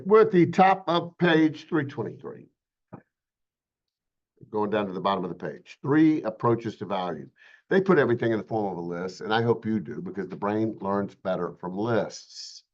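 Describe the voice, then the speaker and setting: A man's voice: lowish voice, sing-song, normal speed, darkish tone, highs cut off. Folksy joking male real estate instructor. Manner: folksy, joking, chatty with students. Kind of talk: casual classroom webinar lecture.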